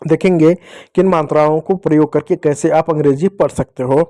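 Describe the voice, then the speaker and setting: A man's voice: fairly high pitch, steady tone, fairly quick, dark tone. A man teaching English phonics to children, patiently asking the class questions and answering them. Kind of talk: explaining to children.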